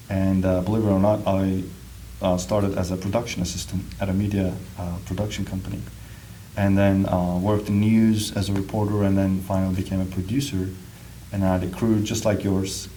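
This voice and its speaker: A man's voice: lowish voice, mellow, a little hiss or hum, rough recording. A man from Turkey who speaks natively, answering interview questions as a school marketing coordinator, hesitant and full of ums. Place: school building.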